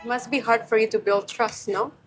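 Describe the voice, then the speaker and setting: Young woman host, bright higher pitch, playful and giggly, light music under. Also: fairly even intonation, moderate pace. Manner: playful, giggly, curious questions. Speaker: vlog host. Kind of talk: casual chat. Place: restaurant kitchen.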